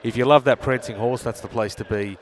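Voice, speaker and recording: A man's voice: mid-range voice, fairly quick, slight background noise. A man co-commentating a motorsport broadcast, telling viewers about upcoming events with many fillers. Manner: promotional, informative with fillers.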